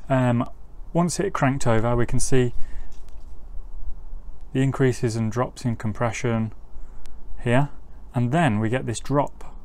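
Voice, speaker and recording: Speaking slowly in a darkish, medium-pitched voice, a middle-aged mechanic gives an informal technical tutorial one step at a time. The recording is outdoors on a driveway and carries clear ambient noise.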